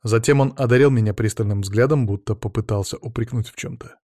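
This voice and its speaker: A man narrating an audiobook in first person, in a steady, matter-of-fact way. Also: fairly low pitch, fast, no echo, studio quality.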